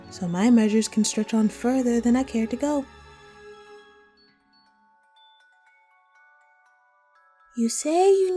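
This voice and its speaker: A woman voicing a teasing, riddling female cat from Wonderland in an audio roleplay, coy and playful with drawn-out, whimsical phrasing. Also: high-pitched, mellow. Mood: coy, amused. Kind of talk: scripted audio roleplay addressed to the listener.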